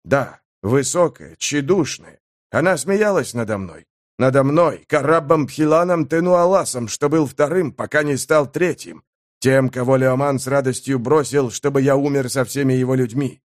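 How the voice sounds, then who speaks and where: A man's voice: mid-range voice, normal speed, no echo, studio quality, close to an everyday voice. A man voicing a bitter, defeated male warrior who speaks with brooding resentment in a fantasy audiobook.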